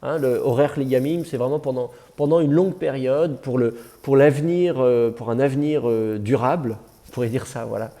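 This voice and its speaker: Male teacher, mellow and relaxed, patient, thinks out loud in class. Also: mid-range voice, normal speed, few pauses. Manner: patient, thinks aloud with many fillers. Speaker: Biblical Hebrew teacher. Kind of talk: classroom explanation.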